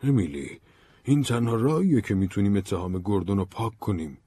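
A man playing an earnest, persistent investigator who presses and persuades, in a low, husky voice. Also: lively intonation, warm tone, no room sound. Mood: urgent. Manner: insistent, persuasive. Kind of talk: audiobook drama reading.

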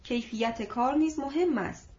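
Calm, assured older male manager, read by a woman with a fairly high voice; dull lo-fi audiobook sound. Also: lightly acted. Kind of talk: audiobook reading. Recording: dull lo-fi recording.

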